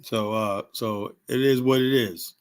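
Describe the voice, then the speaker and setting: A clear, resonant mid-range voice with fairly even intonation and a measured pace comes from a man in his seventies hosting a livestream. His casual monologue is rambling and blunt, with free swearing and frequent "you know?" tags.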